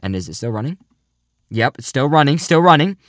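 A man's voice: mid-range voice, expressive, fairly quick, dry recording. Rambling young man, dry close mic. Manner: mock-serious, rambling, trails off quietly. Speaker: podcast host. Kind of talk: casual goofy podcast chat.

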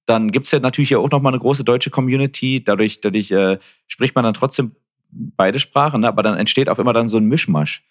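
A man from Berlin with a Berlin accent, talking in a reflective, halting way with many restarts in a casual conversation. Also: medium pitch. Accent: Berlin German. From Berlin, Germany.

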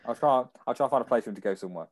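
A man's voice: mid-range voice, racing, no echo. A young man with a British accent, telling rambling stories and laughing often as a podcast co-host in casual chat. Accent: British English.

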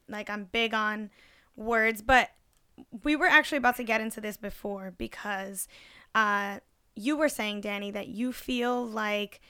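A woman's voice: mid-range voice, unhurried, clean tone, no echo, studio quality. A young woman in casual podcast chat, talking freely with lots of fillers. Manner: chatty, many fillers, animated.

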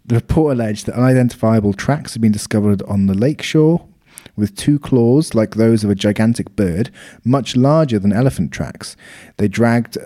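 A man's voice: on the low side, normal speed, hardly any pauses, warm tone. A man co-hosting a travel podcast, joking around and reading facts from his notes. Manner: jokey, reads facts from notes. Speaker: podcast co-host. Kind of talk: casual chat.

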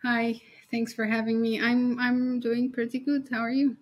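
A woman's voice: on the high side, little pitch movement, normal speed, lo-fi sound. A young woman from Syria, a developer being interviewed, friendly and laughing often, repeating words as she talks. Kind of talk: casual interview.

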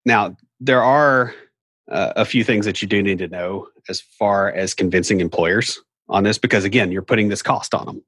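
A man's voice: on the low side, normal speed, fairly bright tone, husky, dry recording. A middle-aged man with an Appalachian hillbilly accent, casually explaining things in a folksy, wry way with rambling asides. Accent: Appalachian hillbilly, Southern US.

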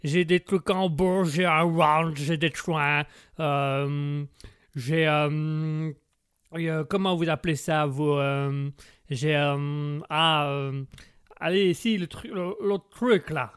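A man's voice: on the high side, fairly even intonation, takes it slowly, a bit bright, smooth, no room sound, clean studio sound. A man playing a boastful Texan billionaire gun-maker who fumbles for words and drops English words into his talk.

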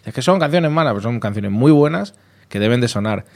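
A man, a radio station manager being interviewed, telling stories in a lively way and acting out dialogue. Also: medium pitch, creaky. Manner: lively, animated storyteller, quick to act out dialogue. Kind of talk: casual interview talk.

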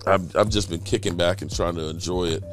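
A man's voice: low-pitched, steady tone, a little fast, faint music behind. A man hosting a casual sports podcast, joking around and swearing freely. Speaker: podcast host. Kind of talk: casual chat.

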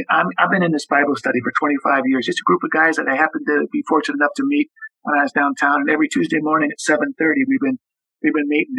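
A man speaking emotionally in an interview, exclaiming and rising in pitch when upset. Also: creaky, bright, forceful tone, husky, dry recording, rough recording. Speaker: guest.

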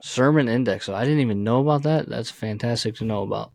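Gravelly man hosting a podcast. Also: mid-range voice, fast, darkish tone, no room sound. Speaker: podcast host. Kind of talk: casual podcast conversation.

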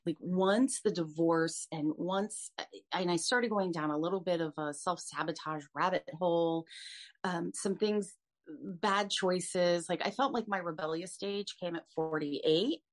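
Woman, fifties, slightly low voice, earnest guest sharing a personal faith story. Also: measured pace. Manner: earnest, frequent restarts. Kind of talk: personal testimony in an interview.

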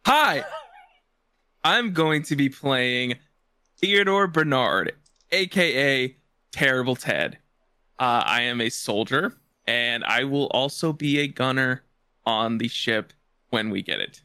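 Guy playing tabletop rpg, slow n deliberate, bright clear voice. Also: mid-range voice, expressive, no echo. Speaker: tabletop player. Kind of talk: introducing a character at a game table.

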